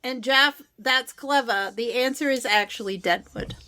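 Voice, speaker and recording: A woman runs a trivia game on a podcast, reading each clue and giving the answers at an unhurried pace. Her voice is bright and a little higher than most. She laughs easily between rounds. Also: a little hiss or hum. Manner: reads clues aloud and scores answers, laughing often. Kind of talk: casual podcast chat.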